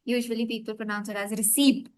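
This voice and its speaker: Indian woman, higher voice, calmly explains how words should sound. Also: normal speed. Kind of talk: casual chat explaining pronunciation.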